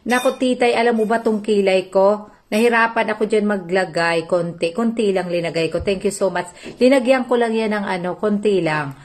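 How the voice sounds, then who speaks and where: A woman's voice: mid-range voice, normal speed. A woman with a Filipino accent hosting a casual livestream, greeting viewers by name and reading out their comments. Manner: chatty, reads out viewer names and comments. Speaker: livestream host.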